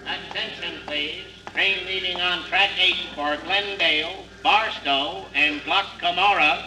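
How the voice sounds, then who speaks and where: An actor playing a male train station announcer calling out departures over a station loudspeaker in slow, drawn-out calls, from an old radio comedy. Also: high voice, fairly even intonation. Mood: announcing. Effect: over a station loudspeaker, echoing and distant. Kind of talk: 1940s radio comedy acting. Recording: noisy old radio broadcast, echoey and far off.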